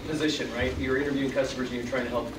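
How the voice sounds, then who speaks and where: A man's voice: medium pitch, flat delivery, very fast. A man teaching a class, chatty and conversational with fillers. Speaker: professor. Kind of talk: classroom lecture. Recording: roomy classroom audio from far off, loud background noise.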